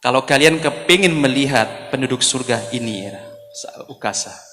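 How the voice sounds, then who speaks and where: A man voicing a gentle, calm prophet in a sermon story, speaking softly and in a measured way. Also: mid-range voice, big-room sound, slight background noise.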